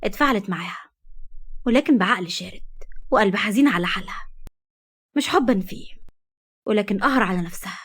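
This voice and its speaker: A woman with an Egyptian accent narrating a dramatic story in a brisk, expressive storytelling style. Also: mid-range voice, husky.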